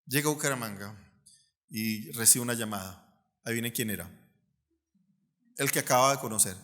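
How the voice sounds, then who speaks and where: A Colombian man preaching a sermon as pastor, animated and acting out the people in his stories. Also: medium pitch, moderate pace, big-room sound, slight background noise. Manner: animated, acts out quoted voices.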